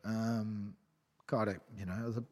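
A man's voice: fairly low pitch, level tone, moderate pace, darkish tone. A man in his thirties telling a personal story as a guest, rambling with frequent swearing and laughs. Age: 30s. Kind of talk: casual storytelling.

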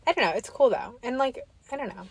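A woman's voice: fairly high pitch, lively intonation, fast talker, breathy edge. A young woman co-hosting a casual podcast, talking in long rambling runs full of "like", her voice a little worn. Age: young adult. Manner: rambling, filler-heavy, lots of "like". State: slightly losing her voice. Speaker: podcast co-host. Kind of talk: casual chat. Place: quiet street.

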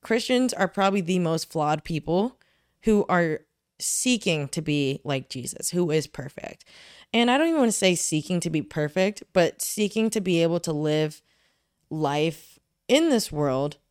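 A woman's voice: on the low side, animated, measured pace, clean tone, no room sound, clean studio sound. A young woman co-hosting a podcast, talking frankly and reflectively in casual chat. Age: young adult. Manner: reflective, frank, laughs easily. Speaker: podcast co-host.

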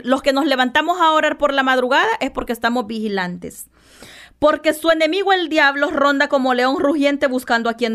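A woman's voice: high voice, a bit bright. A woman preaching a devotional sermon, impassioned, repeating lines for emphasis and addressing listeners affectionately.

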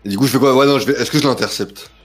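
A man's voice: medium pitch, rapid-fire, slightly rough, faint music behind. A man playing a tabletop game, stumbling over his words and restarting as he acts out his move. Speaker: player.

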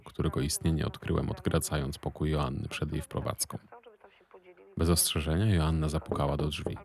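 Deep, gravelly male storyteller. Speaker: narrator. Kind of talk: first-person audiobook narration. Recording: dry close recording.

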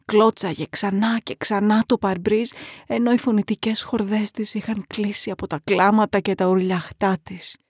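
A woman reads a horror story in a hushed, dramatic way that often drops to a half-whisper. Her voice is husky and mid-pitched, and the recording is close and dry. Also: fairly even intonation, dry recording. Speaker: narrator. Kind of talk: scripted horror narration.

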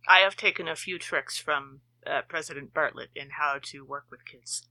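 A woman's voice: low-pitched, normal speed, pushed and bright, poor audio. A woman co-hosting a podcast who introduces and reads scripture passages and chats casually. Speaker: podcast co-host. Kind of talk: casual chat and scripture reading.

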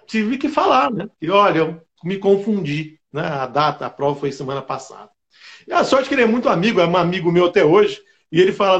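A man's voice: high-pitched, lo-fi sound. A middle-aged man from Brazil, a state attorney, telling a personal story in an interview, often adding "né". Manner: animated, fills with "né" often.

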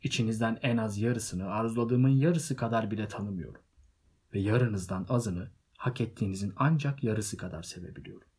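A man's voice: on the low side, moderate pace, a little mellow, breathy edge. A man voicing a jovial elderly male hobbit who gives a grand, declaiming speech at a party.

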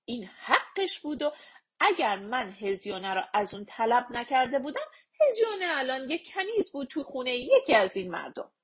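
Lady reading a stern old king lecturing, firm, slightly husky, voice jumps around a lot. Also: high-pitched, very animated, heavily acted.

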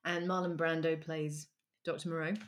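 A woman's voice: low-pitched, little pitch movement, normal speed. A woman hosting a casual music chat, giggly and rambling with lots of ums. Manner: chatty, giggly, trails off with ums. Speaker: podcast host.

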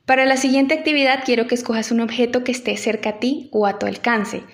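A woman's voice: a little high, fairly even intonation, fast. A woman giving an instructional audio lesson as an acting teacher, speaking directly to the listener and guiding them through an exercise. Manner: addresses listener directly with instructions and reflective questions.

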